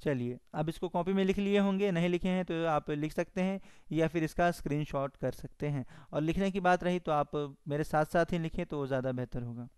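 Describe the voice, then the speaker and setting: A man with a Bihari Hindi accent teaches grammar in an online exam-prep class. His voice sits a little high and comes through very crisp and dry, close to the mic. He dictates definitions slowly, repeating each phrase so students can write along. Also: a little mellow, no room sound. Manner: slow, repetitive dictation of definitions.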